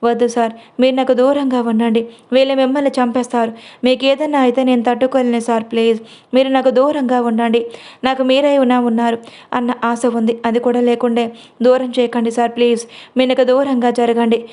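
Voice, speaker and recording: A woman's voice: on the high side, little pitch movement, fairly quick, dark tone, lightly acted. A woman reading as a frightened pleading young woman. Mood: pleading, tearful. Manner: tearful, begging.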